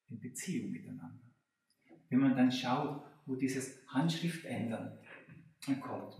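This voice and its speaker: A man's voice: mid-range voice, mellow, distant mic. A man teaching a lecture on spiritual exercises, thoughtful and searching, often asking rhetorical questions. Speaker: anthroposophy teacher. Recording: very echoey room, voice from afar.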